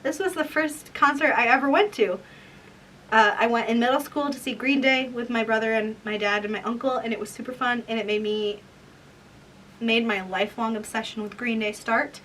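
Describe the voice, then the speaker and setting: Embarrassed, high-voiced young woman reading aloud. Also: fairly even intonation, normal speed, a bit bright. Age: 20s. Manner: embarrassed, self-mocking when reading aloud. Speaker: vlogger. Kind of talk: casual vlog chat, reading old diaries. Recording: distant mic with room noise.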